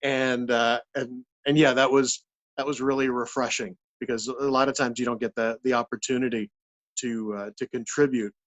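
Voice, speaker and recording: Halting man with a medium-pitched voice. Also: little pitch movement. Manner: halting, searching for words, often repeating them. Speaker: puppeteer and voice actor, interview guest. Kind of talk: casual interview talk.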